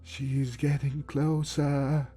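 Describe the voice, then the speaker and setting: A man voicing a frightened, guilt-ridden elderly grandfather in a horror story, with a slow, strained, halting voice. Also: medium pitch, flat delivery, warm tone, voice pushed up, close to an everyday voice. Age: older. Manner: halting, broken speech.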